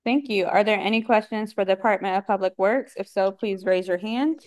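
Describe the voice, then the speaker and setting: A woman chairing a public meeting, brisk and polite as she calls on speakers. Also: mid-range voice. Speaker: meeting moderator.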